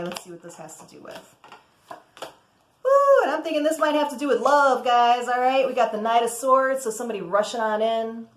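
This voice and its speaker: A woman's voice: medium pitch, echoey room. A woman giving a casual, chatty tarot reading as host, often checking in with "okay?" and letting out cheerful whoops. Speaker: tarot reader.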